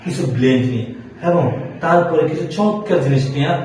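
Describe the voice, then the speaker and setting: A man's voice: fairly high pitch, lively intonation, fast, a little mellow, heavy reverb, distant mic, slight background noise, rough recording. A man teaching spoken English pronunciation. He spells words out letter by letter and answers his own questions. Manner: repeats answers in call-and-response questions. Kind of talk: classroom lesson.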